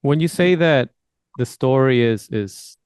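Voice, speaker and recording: A man's voice: medium pitch, animated, measured pace, darkish tone, smooth, dry recording, clean studio sound. A man hosting a podcast interview, asking rambling, friendly questions with frequent restarts. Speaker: podcast host.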